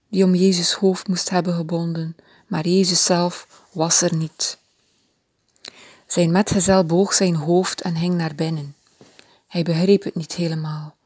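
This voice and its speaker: A woman reading a children's Bible story aloud in a gentle, expressive way. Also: on the low side, slightly rough, no echo, clean studio sound.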